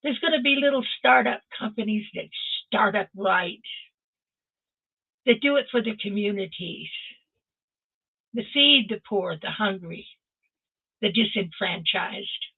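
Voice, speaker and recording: Older lady with a gravelly husky voice, preaching hard at her viewers, sounds like a thin phone-y video call. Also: mid-range voice, measured pace, pauses often, phone-quality sound. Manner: impassioned, exhorting listeners directly. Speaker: host. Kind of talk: motivational talk.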